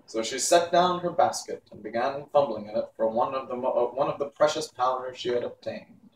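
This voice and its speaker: A man reads a children's novel aloud as the narrator, his medium-pitched voice moving a little fast in an unpolished, amateur style. The recording has an echoey room sound, a distant mic and faint hiss.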